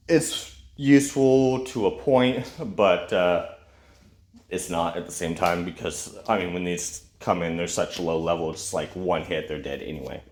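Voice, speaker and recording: A game reviewer with a stuffy nose from a cold casually reads game character skills aloud and passes judgment on them, using lots of filler words. He has a low-pitched, darkish voice.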